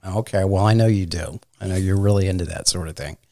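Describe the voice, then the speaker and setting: A Midwestern American meteorologist, a guest in a casual interview, tells stories in a soft-spoken, unhurried way full of fillers. His voice is low, and the studio sound is clean with no room sound.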